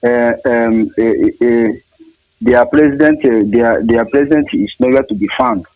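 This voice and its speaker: A man calling in to a radio show over a clipped phone line, talking haltingly, repeating words and filling pauses with uh. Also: mid-range voice, no echo. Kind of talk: call-in radio talk.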